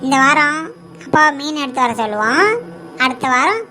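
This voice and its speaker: A woman's voice: high voice, expressive, normal speed, sharp tone, slight background noise. A woman voicing a firm, loving cartoon mother. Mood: exasperated. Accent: Tirunelveli Tamil. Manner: firm, scolding, then affectionate. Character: scolding but loving mother. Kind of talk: homemade cartoon dubbing.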